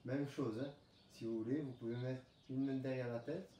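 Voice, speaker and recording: A pilates instructor leads a guided workout at home, calmly calling out breathing cues, counting breaths, and naming movements at a normal pace in a mid-range voice. The lo-fi sound comes from a roomy, distant camera mic with a little hiss or hum.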